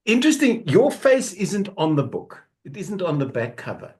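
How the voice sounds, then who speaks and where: A man's voice: high voice, big pitch swings, normal speed, a little mellow. A man hosting a book interview show, teasing his guest and laughing often in casual chat. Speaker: radio show host.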